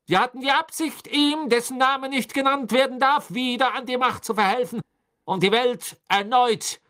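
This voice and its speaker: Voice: sits high, steady tone, normal speed, voice pushed up. Crouch, a reader doing a barking stern judge. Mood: stern, furious. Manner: loud, barking, clear-voiced. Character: stern, hate-filled father presiding as a judge. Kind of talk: dramatic audiobook reading.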